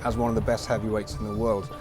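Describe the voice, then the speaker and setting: Fast-talking male reporter over faint music. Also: fairly low pitch, level tone. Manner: quick, supportive interjections. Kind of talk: interview questions.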